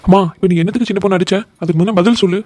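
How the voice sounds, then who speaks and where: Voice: mid-range voice, rapid-fire, warm tone, natural voice. A voice actor playing a meek young husband in a cartoon comedy, pleading and apologetic. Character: meek young husband caught between wife and mother.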